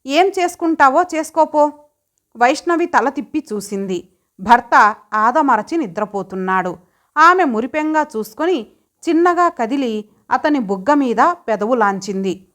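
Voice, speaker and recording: A woman narrating a magazine short story in a measured, expressive reading. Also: on the high side. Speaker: audiobook narrator.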